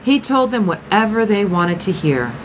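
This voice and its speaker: A woman voicing a grim, protective woman who cares for rescued girls, speaking gravely and with measured care in an audiobook reading. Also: medium pitch, sing-song, background noise, pitched above the performer's own voice, lightly acted.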